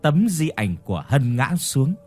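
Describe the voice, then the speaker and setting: A man narrating a ghost story in a slow, expressive storytelling manner. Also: mid-range voice, faint music behind.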